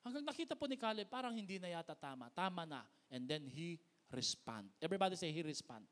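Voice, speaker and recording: A male pastor preaching a sermon to a congregation, mixing Tagalog and English, getting people to repeat words after him, and swinging from loud emphatic lines to hushed, near-whispered ones. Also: on the high side, very animated, a little fast. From Philippines.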